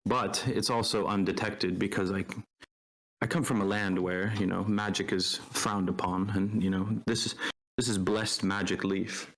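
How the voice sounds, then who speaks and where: A man voicing a male traveler from a faraway land who tries to sell a pile of leaves with a persuasive sales pitch. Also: steady tone, normal speed, fairly bright tone, low-quality recording. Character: smooth-talking male traveler peddling leaves.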